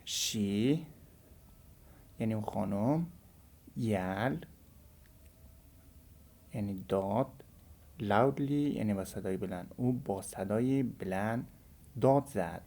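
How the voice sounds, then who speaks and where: Male English tutor, Persian accent, low and mellow, drills phrases slowly. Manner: repeats English phrases slowly, then translates. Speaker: English teacher. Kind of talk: language lesson.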